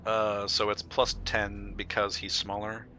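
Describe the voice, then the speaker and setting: A man's voice: on the low side, monotone, a little slow. A man chatting casually as a player in a tabletop game, explaining the rules and chuckling often.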